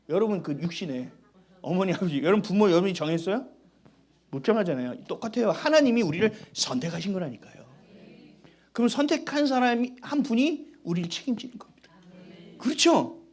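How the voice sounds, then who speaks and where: Animated, high-voiced Korean pastor preaching. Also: male voice, a little fast. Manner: animated storytelling, acting out family dialogue. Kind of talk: sermon.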